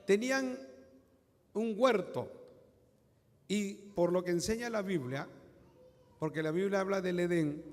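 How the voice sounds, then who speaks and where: A man's voice: high-pitched, a little mellow, long reverb tail. A man preaching a sermon as pastor, fervent and breaking into praise exclamations.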